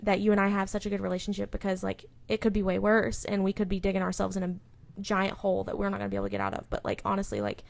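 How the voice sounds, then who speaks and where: A woman's voice: medium pitch, fast, vocal fry. A young woman co-hosting a casual podcast, talking in rambling, filler-heavy sentences. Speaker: podcast co-host, salon owner. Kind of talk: casual chat.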